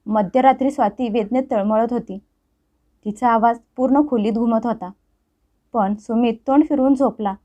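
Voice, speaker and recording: A woman reading a scripted family story aloud as a steady storyteller, in a dull, muffled recording. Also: on the high side, moderate pace.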